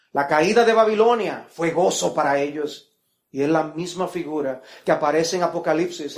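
A man preaching a sermon, reading scripture with swelling fervor. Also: high-pitched.

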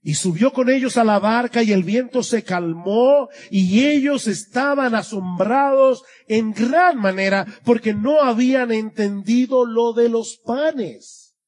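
Speaking slowly in an extremely high pitch, a man delivers an expository sermon as pastor to his congregation. Earnest throughout, he lets his voice swell and drop for emphasis.

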